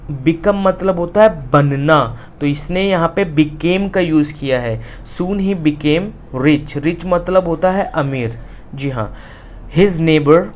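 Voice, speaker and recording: A teacher leads a reading lesson, explaining English sentences in Hindi. They read each English line at an unhurried, word-by-word pace and keep checking in with the listener. A faint steady hum sits under the voice. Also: medium pitch. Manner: reads English slowly word by word, then explains with frequent "ठीक है".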